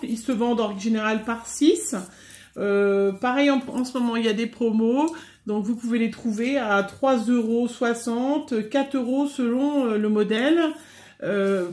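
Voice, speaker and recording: A woman's voice: on the high side, a little mellow. Hesitant French woman demoing crafts. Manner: hesitant, many fillers. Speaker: scrapbooking vlogger. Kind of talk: casual tutorial chat.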